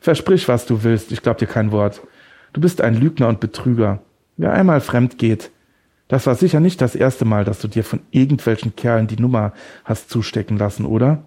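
A man's voice: medium pitch, normal speed, dark tone, breathy edge, lightly acted. A man voicing a deranged male woodcutter who holds someone captive, taunting and smug, then creepily tender. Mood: mocking. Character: deranged male woodcutter kidnapper, mocking and obsessive.

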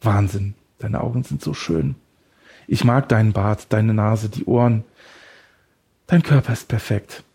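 A man's voice: fairly low pitch, unhurried, gravelly, dark tone, breathy edge, full character voice. A man voicing a deranged male woodcutter who holds someone captive, taunting and smug, then creepily tender. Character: deranged male woodcutter kidnapper, mocking and obsessive.

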